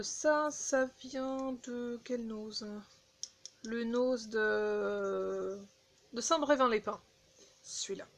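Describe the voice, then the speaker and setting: A woman casually chatting through a beauty haul, halting with fillers and restarts, recorded on a phone indoors. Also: medium pitch. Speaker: beauty vlogger.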